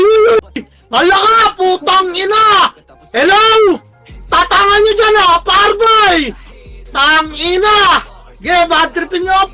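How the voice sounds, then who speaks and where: A Filipino man calling commands to his team during an online game, barking quick orders and swearing often. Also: extremely high pitch, pushed and bright. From Philippines. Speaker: team shotcaller. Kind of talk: live game commentary and team calls.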